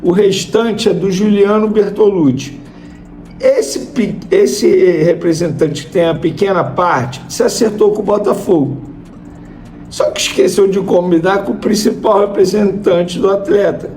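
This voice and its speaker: A man's voice: high-pitched, mellow. A Brazilian man giving informal football news and opinion as a host, emphatically repeating points and answering his own questions.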